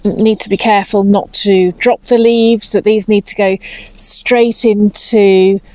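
In a dry, low-quality recording, a woman in her fifties with an English accent talks while working in her outdoor cottage garden, pruning and chatting to camera on a lapel mic. This slightly anxious vlogger has a mid-range, dark-toned voice, measured pace, and fairly even intonation.

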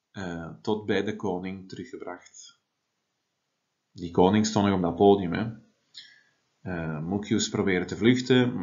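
A man's voice: low voice, fairly bright tone, highs cut off. A man, teaching a Latin translation lesson and explaining step by step with frequent tag questions. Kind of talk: classroom lesson.

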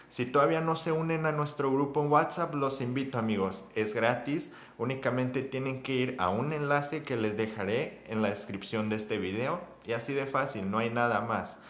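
A man giving a casual spoken language lesson to his viewers, chatty and encouraging, often checking in with a quick "ok?". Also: medium pitch, fairly bright tone, reverberant, a little hiss or hum. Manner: chatty, addresses viewers as chicos and amigos, frequent ok. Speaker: English teacher.

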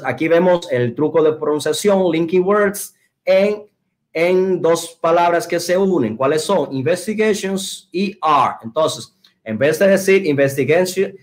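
A man teaching English pronunciation online, speaking deliberately and repeating phrases for students. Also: a little high.

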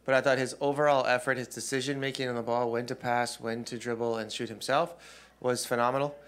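A man in his forties at a postgame press conference speaks into a desk microphone in a press room. His voice sits at an ordinary middle pitch. He answers steadily and thoughtfully, pausing with frequent ums. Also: flat delivery, a bit bright. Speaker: head coach. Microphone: desk mic on stand.

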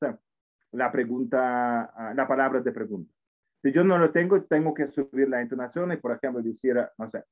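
Man teaching over a tinny line. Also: medium pitch. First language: Russian. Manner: explanatory, frequent tag questions and restarts. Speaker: language teacher. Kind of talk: online English class taught in Spanish. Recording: tinny phone-like audio over a call.

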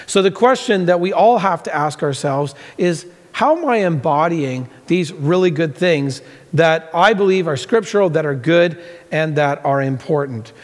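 A man in his forties delivers a sermon from a large church stage with a high, light voice. He talks in an earnest, conversational way and repeats key phrases for emphasis. The sound carries a long sanctuary reverb. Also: normal speed. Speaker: pastor.

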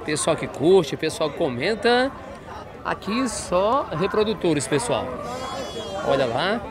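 With a slightly high, very animated voice that takes its time, this man hosts a walking market vlog at an outdoor livestock fair. He interviews sellers and relays their prices to viewers, while the busy crowd and animals make noise behind him.

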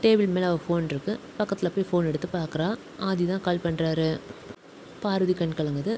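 Woman, storyteller, measured serial narration, low mellow voice. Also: fairly even intonation, a little hiss or hum, rough recording.

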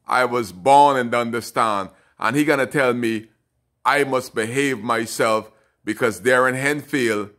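A man's voice: medium pitch, a bit bright. An older Bahamian man in his late fifties, a local elected official, speaking emphatically and indignantly into a phone held close. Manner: indignant and emphatic, slow and deliberate. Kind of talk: direct-to-camera social media message. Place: bright indoor room. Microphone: phone held close, selfie framing.

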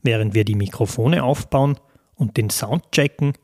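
A man narrates a podcast from a script. He reads in a clear, measured way at a middling pitch. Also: darkish tone. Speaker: podcast host.

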